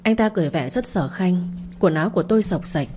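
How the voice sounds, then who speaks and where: A woman narrating a first-person story in a steady reading voice. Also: on the low side, fast, husky.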